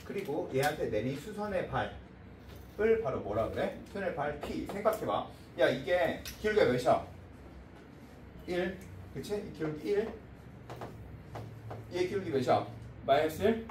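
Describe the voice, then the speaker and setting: A man teaching a math lesson, his voice rising and falling in a lively, swinging way. He talks briskly and keeps checking that the class follows along. The sound comes from a distance in an echoey room. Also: a little high, slight background noise. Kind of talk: classroom lecture.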